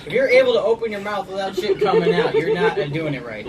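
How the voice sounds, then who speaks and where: A woman's voice: fast talker, over a noisy crowd. A woman casually reading jokes as host of a laughing challenge, blunt and sweary. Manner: profane, blunt. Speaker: joke reader hosting a laughing challenge. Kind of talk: casual joke telling. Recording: noisy, distant microphone, rumbling background.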